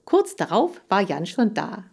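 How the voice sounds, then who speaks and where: A woman narrating a children's book aloud in the first person, lively in tone. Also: mid-range voice, a little slow, gravelly, husky. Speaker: audiobook narrator.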